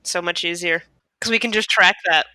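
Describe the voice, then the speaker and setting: A woman's voice: on the low side, moderate pace, bright, forceful tone, clear, resonant tone, no echo. A woman from Canada co-hosting a casual podcast, full of teasing, sarcastic banter. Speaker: podcast co-host. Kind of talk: casual chat.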